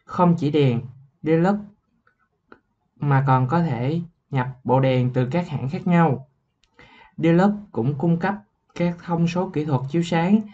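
A young man, a student, explaining software in a class report, halting at times and clearing his throat. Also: fairly high pitch, muffled recording. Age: young adult. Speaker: student presenter.

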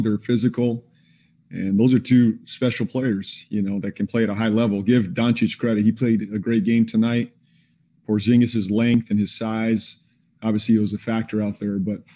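At a postgame press conference held over video call, a basketball head coach in his forties replies in a measured, no-frills manner, often using fillers. He's indoors with a team backdrop, and his fairly low voice sounds steady and dark.

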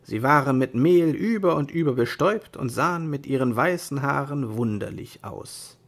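A man reading an old fairy tale aloud in a measured storybook manner. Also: medium pitch, expressive.

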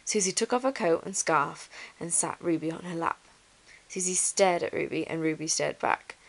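A woman reading a bedtime story aloud in a soft, gentle ASMR style. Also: lowish voice, moderate pace, low-quality recording.

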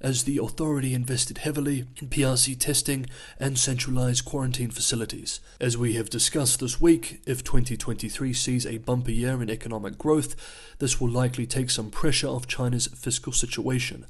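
Walking viewers through the figures point by point, a man delivers a scripted voice-over rundown of economic news. His mid-pitched voice stays calm and measured throughout. It is also wearing thin and growing hoarse as he loses it.

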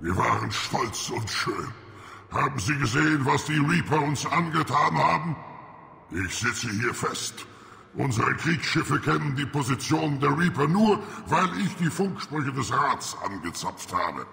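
Gravelly, bitter alien captain. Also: male voice, medium pitch, lively intonation, a little slow, exaggerated voice. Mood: bitter, threatening. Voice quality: gravelly, forceful. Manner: accusing, grave. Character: bitter vengeful alien male military officer, proud, threatening. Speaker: fleet captain. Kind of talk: dramatic video game acting.

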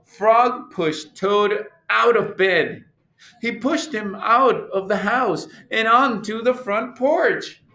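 Teacher reading aloud to kids, unhurried and expressive, roomy echo. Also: male voice, high-pitched. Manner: slow, animated storytelling. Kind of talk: expressive children's read-aloud. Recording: echoey room.

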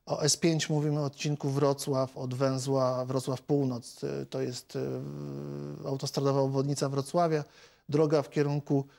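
A man in his forties, a member of parliament, answering questions in a TV studio interview in a measured, hesitant way with many filler sounds. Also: mid-range voice, little pitch movement, creaky, a little mellow. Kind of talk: televised political interview. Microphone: lapel mic.

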